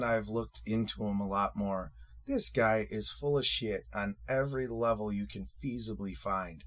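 A man's voice: mid-range voice, a bit bright. Blunt guy cohost, mid voice, casual opinion chat, lots of swearing. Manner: blunt, profane. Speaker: co-host.

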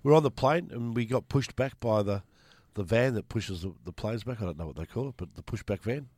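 An Australian man co-hosting a sports podcast, his voice husky from a cold, telling stories and laughing. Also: lowish voice, fairly quick, a little mellow, dry recording, clean studio sound. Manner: storytelling, laughs often. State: husky from air conditioning. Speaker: podcast co-host. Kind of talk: casual sports podcast chat.

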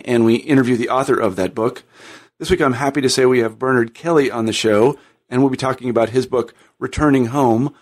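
An American man hosts an interview in a conversational style. His voice sits at an average pitch, and he often doubles back on words while shaping a thought. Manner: halting, repeats words as he goes. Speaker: podcast host, interviewer.

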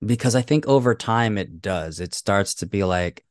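A man co-hosting a podcast in casual chat, easygoing and quick to agree. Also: on the low side, animated, dry recording, clean studio sound. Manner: easygoing, agrees often, acts out quotes with laughs. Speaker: podcast co-host.

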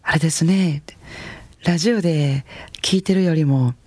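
Woman, Kansai accent, jazz singer hosting radio, casual chatty stories, husky, dry studio mic. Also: sits low, normal speed, a little mellow, dry recording. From Kansai region of Japan. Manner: chatty, self-mocking storytelling with frequent fillers. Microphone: studio microphone.

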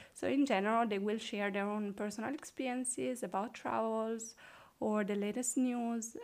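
A woman's voice: medium pitch, a little mellow. A woman teaching a language, reading a text phrase by phrase and explaining each part. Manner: reads slowly and clearly, then translates each phrase. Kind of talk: bilingual reading lesson, Italian text with English explanation.

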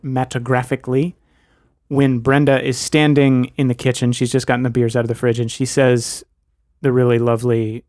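A man's voice: medium pitch, little pitch movement, a little fast, darkish tone, dry recording, clean studio sound. A man co-hosting a podcast, talking through a TV episode in a thoughtful, analytical, wordy way. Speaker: podcast co-host. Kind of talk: casual chat.

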